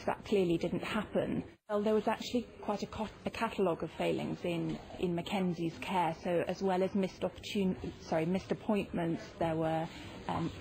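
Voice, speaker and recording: A woman speaks as a lawyer in a news interview, careful and a little hesitant. Her voice is fairly low, with some ambient noise behind.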